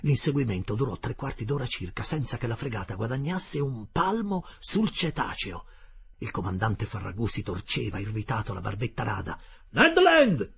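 A man reading a classic adventure novel aloud as an expressive first-person audiobook narrator. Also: lowish voice, normal speed, creaky, husky.

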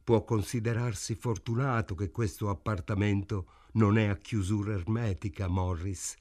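A man reading a novel aloud, voicing a calm, practical young man who speaks matter-of-factly. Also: fairly low pitch, moderate pace, dry recording, natural voice.

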